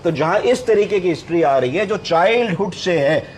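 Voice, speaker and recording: A man's voice: sits high, animated, normal speed, slight background noise. A male doctor teaching clinical medicine step by step, asking questions and then answering them himself, with English medical terms mixed into his speech. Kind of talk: explanatory medical lecture.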